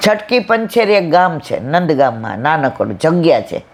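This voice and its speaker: Older woman, leading a devotional discourse as a warm-paced storyteller. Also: deep voice, very animated, normal speed, a little hiss or hum. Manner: storytelling, acting out family anecdotes. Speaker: devotional speaker.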